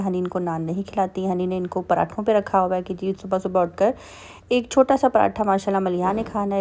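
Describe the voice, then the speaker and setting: A woman's voice: on the low side, vocal fry, darkish tone. Chatty Pakistani woman vlogging. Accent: Pakistani Urdu. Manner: chatty, filler-heavy storytelling. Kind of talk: casual vlog voice-over narration.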